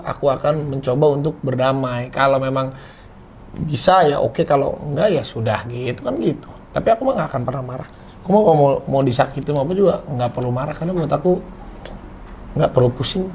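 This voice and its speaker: A man's voice: mid-range voice, darkish tone, a little hiss or hum. A man in his thirties in a casual chat, playful and laughing, explaining his points through made-up everyday examples. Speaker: co-host.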